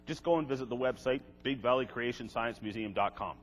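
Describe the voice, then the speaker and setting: A man's voice: mid-range voice, brisk, slight background noise. An older man giving a lecture to a live audience, with wry, sarcastic asides. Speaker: creationist seminar speaker. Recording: echoey hall, faint music.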